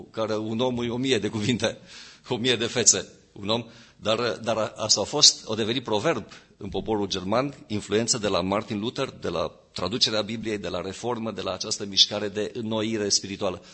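Male preacher, bright husky voice, swings from quiet to forceful. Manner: builds to loud emphatic peaks, then drops low. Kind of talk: sermon.

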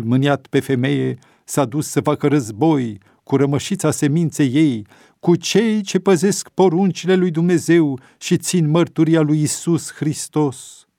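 Solemn reciting prisoner, voiced by a man, pitched up and loud, recorded close and dry. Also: no echo, natural voice.

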